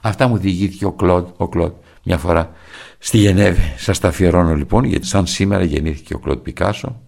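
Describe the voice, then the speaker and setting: Male, radio host, scripted monologue, theatrical, gravelly. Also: low-pitched, a little mellow. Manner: theatrical storytelling.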